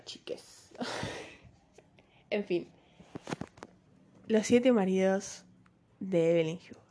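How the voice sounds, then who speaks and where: A woman's voice: medium pitch, darkish tone, a little hiss or hum. A woman, recommending books in a casual, rambling vlog, poking fun at herself and laughing often. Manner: chatty, rambling, self-mocking, laughs often. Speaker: book vlogger.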